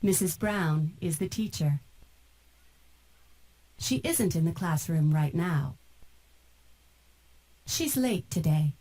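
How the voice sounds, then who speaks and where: Woman, textbook audio narrator, slow even reading, mellow low voice. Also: poor audio. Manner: even, carefully enunciated reading.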